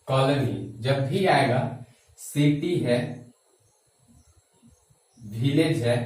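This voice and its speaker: A man's voice: mid-range voice, a little mellow, recorded from a distance. Man teaching in an echoey room. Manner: slow dictation of sentences, quick explaining. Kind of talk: classroom lesson.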